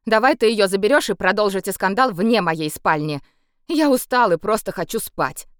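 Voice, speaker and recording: A woman reading a tired calm nobleman, dry weary manner, lively intonation, audiobook character. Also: medium pitch, normal speed, clean tone, dry recording, natural voice. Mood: irritated. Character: tired, level-headed male noble, the emperor's cousin.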